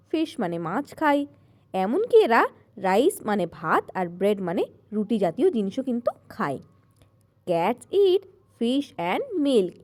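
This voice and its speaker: Lively woman teaching a children's English lesson. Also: fairly high pitch. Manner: reads English lines slowly, then explains with quiz questions.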